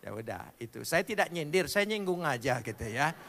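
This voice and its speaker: A male pastor preaching a joking sermon, spelling out words letter by letter and swinging between loud declarations and low asides. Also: sing-song, moderate pace, vocal fry, long reverb tail.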